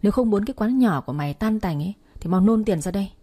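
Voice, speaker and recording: A swaggering male thug boss from a storybook, crude and menacing, spitting out threats, as a woman narrator puts him on. The voice stays mellow and husky. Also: medium pitch, animated, quick pace, close to an everyday voice.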